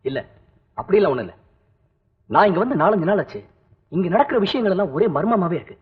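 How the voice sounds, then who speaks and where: A man's voice: high voice, very animated, fast, husky, exaggerated voice. An actor playing a curious young man who keeps pressing with questions in an old film. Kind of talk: 1980s film dialogue. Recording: tinny old film soundtrack.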